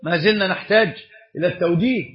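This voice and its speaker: An Islamic scholar teaching a course speaks briskly in a voice that sits high for a man. He holds the class's attention by asking questions and answering them himself, and the recording is dull and lo-fi.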